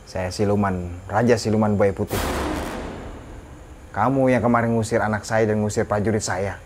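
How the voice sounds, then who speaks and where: A man's voice: lowish voice, steady tone, normal speed, noisy background, close to an everyday voice. A man doing a proud crocodile spirit king. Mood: accusing.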